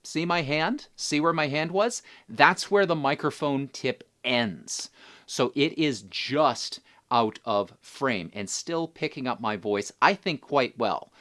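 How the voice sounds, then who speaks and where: A man gives a casual, hands-on gear demonstration. His medium-pitched voice moves with very animated intonation as he explains things informally, like a presenter walking through a test. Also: slow pace. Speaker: presenter testing microphones. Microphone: test microphones at varying distances, clip-on and shotgun.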